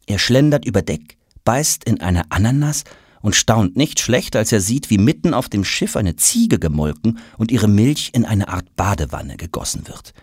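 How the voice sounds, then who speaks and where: Man reading a children's story, very lively melody, dry close sound. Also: lowish voice, moderate pace, husky, dry recording. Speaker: narrator. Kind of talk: children's audiobook narration.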